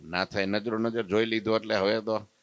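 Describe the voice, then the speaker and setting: A man, a preacher telling a devotional story in a lively way and acting out its characters. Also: on the low side, normal speed, no echo. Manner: lively, acts out the story's characters in their voices.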